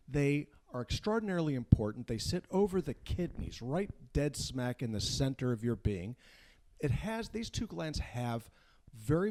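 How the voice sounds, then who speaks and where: A man's voice: medium pitch, mellow. A man speaking as a guest doctor, giving an informal medical lecture in an emphatic, folksy way with rhetorical questions. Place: unfinished studio.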